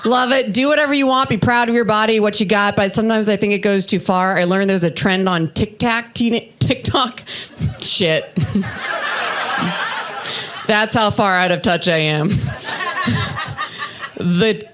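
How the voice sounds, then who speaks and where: Deadpan woman comic with a low voice. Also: a little slow, long pauses, background noise. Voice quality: low, husky-toned voice for a woman. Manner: deadpan, self-deprecating delivery. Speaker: stand-up comedian. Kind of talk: live stand-up set. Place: comedy festival stage.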